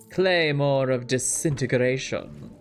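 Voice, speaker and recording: A game streamer with a very animated voice that swoops up and down as they banter with the characters on screen. The delivery is unhurried and playful. Soft game music plays faintly behind. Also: medium pitch. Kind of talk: casual live-stream commentary.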